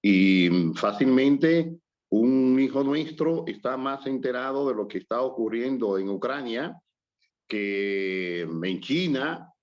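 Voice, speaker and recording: A man from the Dominican Republic, speaking with a Dominican Spanish accent and a mid-range voice, talks reflectively in a relaxed conversation about culture and language. He often pauses, hesitating with fillers and restarting sentences. The lo-fi audio is slightly dull.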